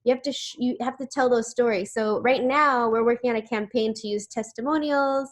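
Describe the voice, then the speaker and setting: This webinar speaker is a woman with a fairly high voice who talks rather quickly. She answers questions over a video call in a chatty manner, often using fillers and starting over.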